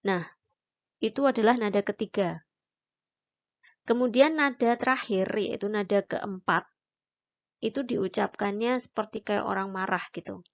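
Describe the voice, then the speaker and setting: A woman gives a recorded lesson in a slow, unhurried voice. She explains each point patiently and sounds out syllables one by one. The recording is a little dull and lo-fi. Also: mid-range voice. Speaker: Mandarin teacher.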